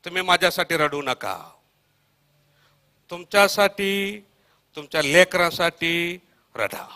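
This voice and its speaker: A man with a Marathi accent preaching a Bible study sermon, echoing verses after a reader and swinging between soft murmurs and loud shouted calls. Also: high voice, slow pace. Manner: repeats verses line by line after the reader, prompting with "हा". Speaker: pastor.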